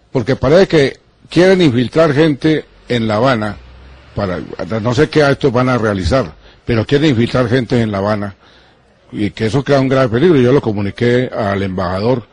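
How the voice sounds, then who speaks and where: A man, a lawyer answering interview questions in an earnest, deliberate and accusatory way. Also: medium pitch, a little mellow, breathy edge, no echo. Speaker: lawyer giving an interview about threats.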